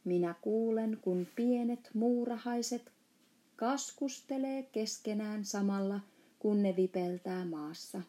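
A woman's voice: medium pitch, mellow, natural voice. A woman voicing a big, kind male giant who speaks in broken grammar and made-up words, read aloud from a storybook.

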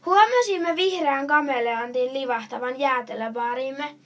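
A well-mannered young boy from a picture book speaks politely and reassuringly to the grown-ups he meets, as a woman reads him aloud. His voice is high and courteous. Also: fairly bright tone, distant mic.

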